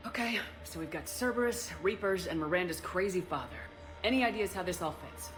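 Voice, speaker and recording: Over prominent music, an actress plays a tough female squad commander in a video game. She is brisk and decisive, giving short commands. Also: on the low side, lively intonation, lightly acted. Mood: wry. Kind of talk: dramatic game dialogue.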